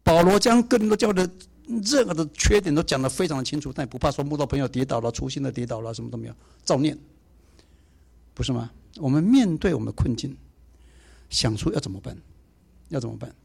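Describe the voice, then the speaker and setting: A man preaching a sermon in a conversational way, swinging between emphatic points and soft, quiet asides. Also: medium pitch, fast, gravelly, breathy edge.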